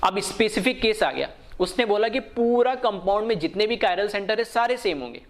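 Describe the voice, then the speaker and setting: Man, chemistry teacher, fairly high voice, rhetorical questions, slow dictation. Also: lively intonation. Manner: slow, dictated English definitions; asks questions then answers them. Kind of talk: online lecture.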